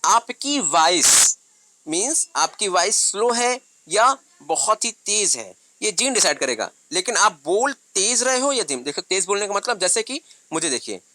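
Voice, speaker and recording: Bright-voiced male biology teacher. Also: high voice, very animated, moderate pace, slight background noise. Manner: asks questions and answers them himself, often says "thik hai"; mixes English terms into Hindi. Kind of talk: explanatory online lecture.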